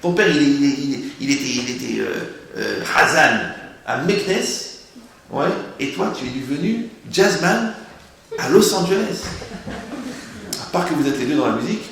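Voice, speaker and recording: A man with a gravelly, creaky voice delivers a lively sermon with rhetorical questions and wordplay. The recording is very echoey, with a faint hum of background noise. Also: a little high, moderate pace. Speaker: rabbi giving a Torah lesson.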